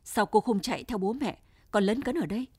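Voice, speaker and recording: A woman's voice: medium pitch, lively intonation, brisk, a little mellow, husky, no room sound, studio quality. A woman voicing a brave young male prisoner who speaks firmly and reassuringly. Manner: firm, reassuring.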